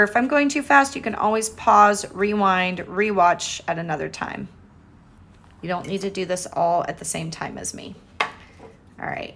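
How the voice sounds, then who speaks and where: A woman's voice: medium pitch, fairly bright tone. A woman with a mid-range voice leads a casual painting lesson step by step. She talks informally and chattily, guiding learners in an encouraging way as their instructor.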